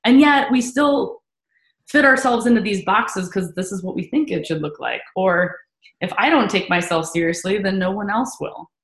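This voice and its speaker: A woman in casual chat, animated and full of fillers as she talks. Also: medium pitch, moderate pace. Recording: roomy echo.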